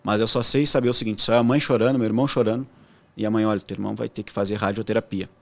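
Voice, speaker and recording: Fast-talking southern Brazilian man telling a story. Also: on the low side, creaky. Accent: southern Brazilian, Rio Grande do Sul. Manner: animated storyteller acting out quoted dialogue. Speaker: podcast guest. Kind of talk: casual storytelling.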